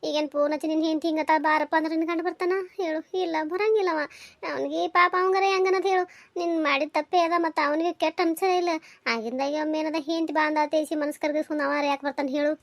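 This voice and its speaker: A woman's voice: high voice, steady tone, fast, no room sound. A woman voicing a caring but nagging older village mother in a cartoon, coaxing and scolding her daughter. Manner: coaxing, nagging, talks over and over. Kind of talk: cartoon voice acting.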